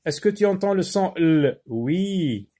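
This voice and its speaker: A man leads a children's phonics lesson. His slightly high voice swings widely in pitch as he says each word slowly and says it again. He pauses often on hesitant fillers while he explains. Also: expressive, dark tone. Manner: slow and deliberate, repeats words and syllables; frequent hesitations with euh. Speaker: teacher.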